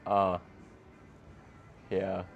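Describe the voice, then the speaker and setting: Over phone-quality sound with faint music behind, a young traveler speaks in a low, gravelly voice, drawing out his words. He's being interviewed casually on a city street and answers in English with a German accent, easygoing, laughing often, his phrasing loose and non-native.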